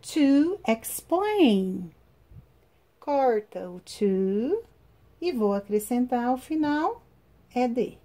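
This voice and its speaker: A woman teacher with a Brazilian Portuguese accent giving a recorded online class, spelling out grammar rules slowly and step by step. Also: a little high, sing-song, dark tone. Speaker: English teacher.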